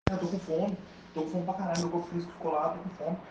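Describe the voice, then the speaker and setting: A young man with a Brazilian accent telling a dream story casually, slangy and excitable, laughing as he goes. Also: sits high, fast talker. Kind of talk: casual rambling anecdote. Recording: echoey lo-fi phone recording from far off with noise.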